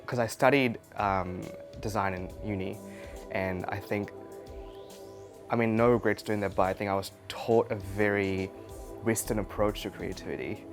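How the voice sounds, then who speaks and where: A man's voice: lowish voice, steady tone, normal speed. A man from Sri Lanka speaking reflectively, with some hesitation, in an interview. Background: music.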